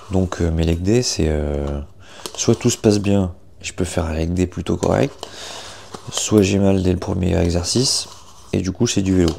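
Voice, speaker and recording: Young dude, deep croaky vocal fry, chatty morning vlog, bit of background hiss. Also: male voice, dark tone. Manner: informal, slangy, self-deprecating. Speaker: vlogger. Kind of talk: casual morning vlog chat.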